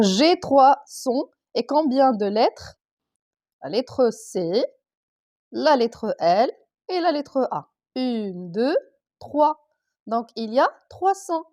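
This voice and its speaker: A woman teacher, slowly sounding out letters, sounds and syllables for young children in a reading lesson. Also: on the high side, a little mellow. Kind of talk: primary school reading lesson.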